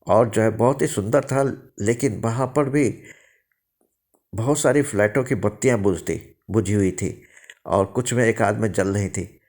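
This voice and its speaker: A man's voice: on the low side, darkish tone. A man narrating his own ghost story in the first person, rambling, with many fillers and restarts. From India.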